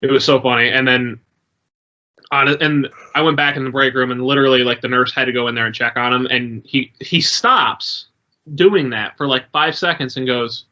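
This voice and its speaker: A man co-hosting a podcast, telling stories in animated, casual chat and swearing freely. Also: medium pitch, moderate pace, dull audio. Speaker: podcast co-host.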